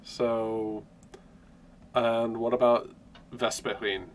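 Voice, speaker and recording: A man's voice: medium pitch, flat delivery, extremely slow, a little hiss or hum. A man running a tabletop game, chatting out of character in a musing, hedging way and laughing often. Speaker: game master.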